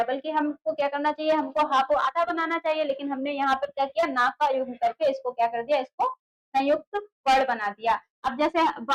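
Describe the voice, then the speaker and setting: A woman's voice: high voice, rough recording. A woman teaching a Hindi exam-prep class, explaining patiently and asking herself questions that she answers straight away. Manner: asks rhetorical questions then answers them; explains patiently, repeating key words. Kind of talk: classroom lecture at a board.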